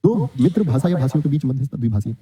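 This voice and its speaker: Fast-talking male teacher. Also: mid-range voice, animated, dark tone. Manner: quizzing, answers his own questions, reads student comments. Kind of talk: online exam-prep class. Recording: dull lo-fi sound.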